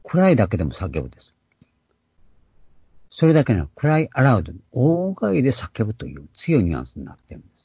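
A man's voice: medium pitch, huge pitch swings, brisk, slightly rough, dry recording. An older man preaching an earnest sermon, explaining and stressing key words. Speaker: pastor. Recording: dull lo-fi recording.

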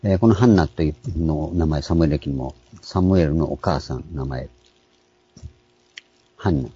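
A man, a pastor, giving a calm, explanatory sermon with frequent pauses and fillers. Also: a bass voice, slightly rough, dull audio. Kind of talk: sermon on scripture names.

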